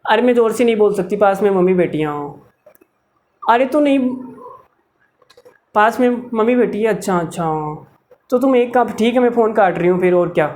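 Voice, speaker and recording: A man's voice: high voice, expressive, moderate pace, pauses often, darkish tone. A man voicing a shy young village woman who is afraid of her family, speaking in a whiny, pleading tone. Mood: hushed.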